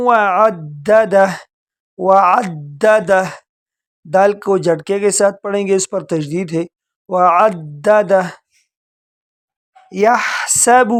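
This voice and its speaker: Male Quran teacher giving a tajweed lesson: brisk explanations, very slow drawn-out recitation. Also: sits high. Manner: draws out recited words very slowly between brisk explanations.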